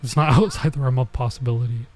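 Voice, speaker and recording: A man streams a visual novel at a quick pace, reading the story aloud with a medium-pitched, fairly even voice and tossing in casual, bemused remarks. It's a let's play with game music running beneath his speech.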